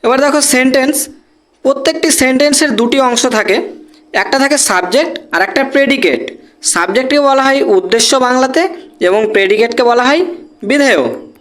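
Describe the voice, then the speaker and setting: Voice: high voice, moderate pace, a bit bright. A teacher giving a grammar lesson, patiently repeating example words syllable by syllable and often checking that students follow. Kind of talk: Bengali-language English grammar lesson.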